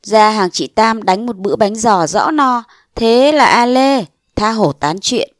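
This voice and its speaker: A woman narrating a short story aloud in lively storytelling style, acting out the dialogue in changed voices. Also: fairly high pitch, measured pace, dry recording, clean studio sound. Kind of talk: audiobook reading of a short story.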